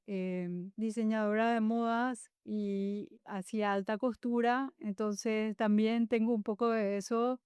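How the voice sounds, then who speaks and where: Woman, smooth and clear. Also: mid-range voice, no room sound. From Paraguay. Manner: warm, reflective, frequent hesitations. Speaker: guest architect. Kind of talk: conversational interview answers.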